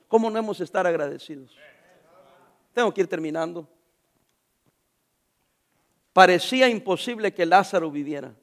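A man preaches in church with a strikingly high voice. He swings from loud, pressing lines down to quiet ones and jokes with the congregation. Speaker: pastor. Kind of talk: sermon.

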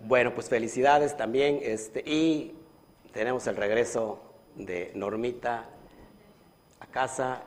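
A man's voice: mid-range voice, takes it slowly, pauses often, background noise. A man leading a livestreamed religious study lesson as a Kabbalah teacher, earnestly asking his audience questions and stretching out key words. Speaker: Kabbalah teacher and community leader.

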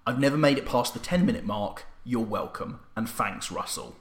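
A man's voice: mid-range voice, animated, moderate pace. A man hosting a casual film podcast, talking with dry, self-mocking humor. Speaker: podcast host. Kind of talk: casual film review chat. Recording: echoey room.

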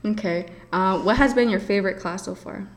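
A woman's voice: medium pitch, fairly quick. A young woman in her twenties hosting a student podcast, playful and teasing. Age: 20s. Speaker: podcast host. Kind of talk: casual interview chat.

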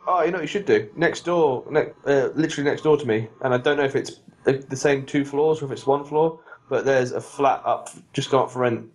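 A man co-hosting a podcast, chatting casually in a rambling, animated, self-mocking way. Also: mid-range voice, a little fast, low-quality recording. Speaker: podcast co-host. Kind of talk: casual chat.

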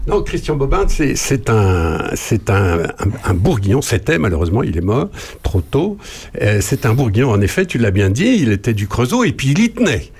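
A man co-hosting a local radio show. His husky voice moves up and down with lively intonation, and he hesitates and repeats himself as he talks. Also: mid-range voice, moderate pace. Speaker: radio co-host. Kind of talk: casual radio chat.

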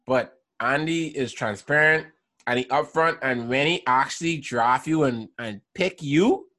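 A man with an average-pitched voice debates sports casually. He is opinionated and slangy, and he hammers a point by saying it again, like a talk host among friends. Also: unhurried, pushed and bright.

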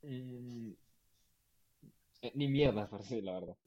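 A man's voice: mid-range voice, slow pace, muffled recording. A man who is a guest on a casual podcast chat and gives mumbled, laid-back replies.

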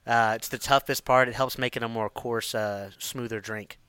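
A man's voice: medium pitch, steady tone, moderate pace, fairly bright tone, clean tone, dry recording, clean studio sound. A man co-hosting a podcast, easygoing and agreeable in casual chat. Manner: easygoing, agreeable, chimes in with backing remarks. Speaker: podcast co-host.

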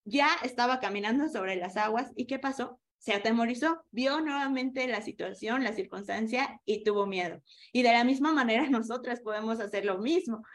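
A woman's voice: on the high side, normal speed. A woman leading an online women's Bible study, teaching with animation and asking her listeners questions over a video call.

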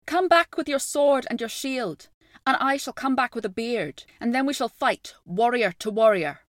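A woman's voice: on the high side, normal speed, dry recording, clean studio sound, voice pushed up, natural voice. A woman voicing a proud young boy warrior in a spoken myth. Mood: defiant.

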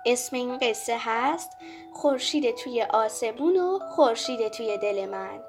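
A woman storyteller reads a children's picture book aloud in a clear, warm way. Her voice sits high. Soft music plays faintly underneath.

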